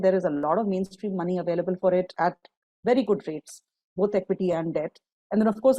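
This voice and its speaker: A woman with a lowish, dark-toned voice speaks fluently as a guest panelist, a partner at a climate fund, laying out her points in long lists. The panel discussion recording is dry and of poor quality.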